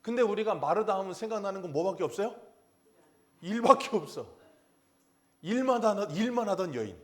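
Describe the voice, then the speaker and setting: A male pastor delivers a sermon in a slightly higher than usual voice. He keeps asking the congregation questions and then answers them himself. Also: expressive, fast talker.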